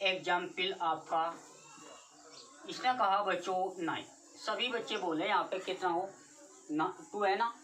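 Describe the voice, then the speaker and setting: A woman's voice: mid-range voice, a bit bright. Distant woman teaching math. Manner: repetitive, keeps questioning students. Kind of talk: classroom math lecture. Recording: distant mic with faint noise.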